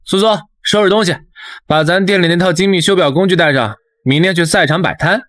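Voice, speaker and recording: A man's voice: high voice, brisk, a bit bright, no echo. A man voicing a laid-back young mechanic with a casual, unbothered manner, the lead of a motion comic. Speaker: lead character.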